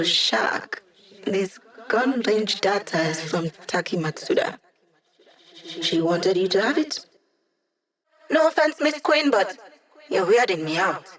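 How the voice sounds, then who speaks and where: A woman voicing a quick, cheeky young hacker in a video game, with playful, breezy, teasing banter. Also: medium pitch, natural voice, low-quality recording. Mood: playful, confident, then weirded out. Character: quick, cheeky young female hacker, digital helper to a villain squad. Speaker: video game character giving mission support. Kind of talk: scripted video game voice lines.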